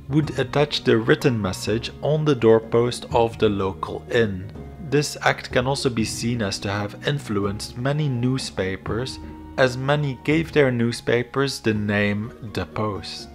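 A man giving a scripted educational history narration in a measured, explanatory manner. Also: mid-range voice. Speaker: video narrator. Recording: background music under voice. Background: instrumental music.

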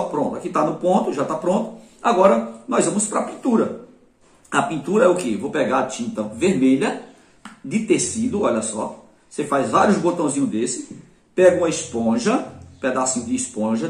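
A man with a Brazilian Portuguese accent teaching a craft step by step in a chatty way, often speaking to viewers and praising his work. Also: mid-range voice. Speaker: craft instructor. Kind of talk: casual step-by-step craft tutorial. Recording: roomy sound from a mic at a distance.

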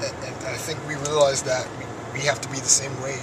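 A man's voice: medium pitch, flat delivery, a little fast. A man in his twenties chatting casually for a vlog, rambling and weary, swearing freely. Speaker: video creator, vlogger. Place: inside a car. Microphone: camera in the car, off from the mouth. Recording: noisy car interior, distant mic.

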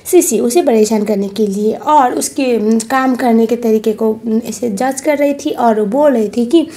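A young woman casually retelling a TV drama's plot, slipping into the characters' lines as she goes. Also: a little slow. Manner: lively, acts out quoted lines with rising pitch. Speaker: drama recap narrator. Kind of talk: casual storytelling recap.

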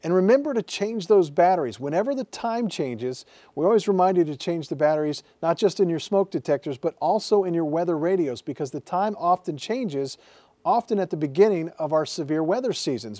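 The voice is a man's: fairly high-pitched yet dark in tone, animated, and fairly quick, with no echo. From a TV weather studio, this meteorologist handles a radio and offers viewers a friendly, step-by-step instructional broadcast on setting it up.

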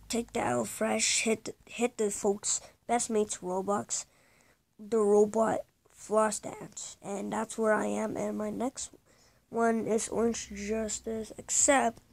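Female gaming host, unhurried and hesitant, dark gravelly voice. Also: medium pitch. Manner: rambling, hesitant, many ums; hushed at times so as not to wake someone. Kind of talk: casual game commentary.

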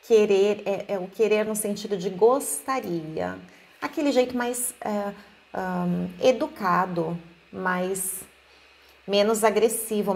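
Slow-paced woman teaching Italian. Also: medium pitch, gravelly, a little mellow. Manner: slow, careful pronunciation of example words. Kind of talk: language lesson.

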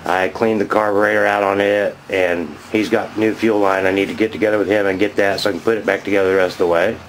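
A man in his fifties giving a rambling, chatty show-and-tell vlog outdoors by his garage, filming on a handheld camera and getting excited over his finds. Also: fairly low pitch, fast, a little hiss or hum, low-quality recording. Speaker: vlogger.

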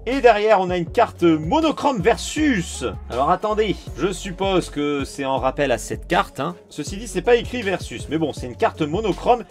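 A man's voice: high voice, animated, normal speed, hardly any pauses, soft background music. A man giving casual, enthusiastic commentary as he opens trading card packs, talking straight to his viewers. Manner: enthusiastic, chatty, addresses viewers directly. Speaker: YouTube card collector.

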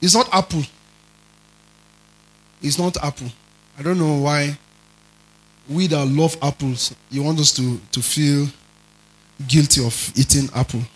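A man preaching a sermon as pastor. He moves between quiet asides and loud, drawn-out emphasis, and keeps asking the congregation questions. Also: on the high side, fairly even intonation, poor audio. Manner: dramatic preaching, shifts between soft asides and shouted emphasis.

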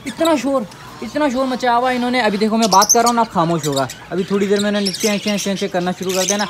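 A chatty man with a fairly high voice talks casually through a pet vlog, getting animated as he exclaims at his birds. He is recorded on a phone in an outdoor yard. Birds chirp and squawk loudly behind him. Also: fast, background noise. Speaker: pet vlogger. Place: outdoor backyard with bird pens.

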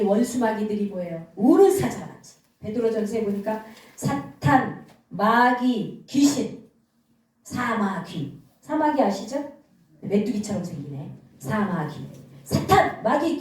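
A woman's voice: fairly high pitch, a little mellow, heavy reverb, distant mic, low-quality recording. A woman pastor preaching a sermon, calling out questions to the congregation and answering them herself. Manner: call-and-response preaching, answering her own questions.

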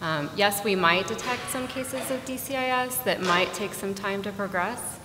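A radiologist in her thirties speaks on a conference panel in a mid-range voice at a moderate pace, explaining carefully and saying "um" often. Her table microphone picks up music in the background, and the large ballroom adds long, echoing reverb.

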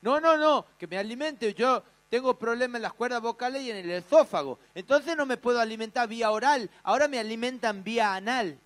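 A man doing a middle-aged fellow from whose wrecked vocal cords make his voice crack in and out. It comes out high and strained, pushed louder than his normal talk. It is told as a stand-up bit. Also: fairly quick, hardly any pauses. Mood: pleading.

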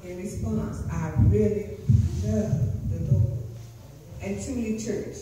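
A woman's voice: medium pitch, steady tone, takes it slowly, dark tone, slight background noise. A woman leading a church service, fervent and exclaiming as she praises God. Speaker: worship leader. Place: large church sanctuary. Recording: echoey church from far off.

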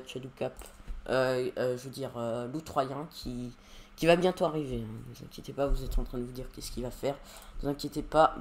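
Sitting at his computer, a YouTuber with a mid-range voice gives casual, rambling gameplay commentary, often hesitating with fillers. Slight background noise is present.

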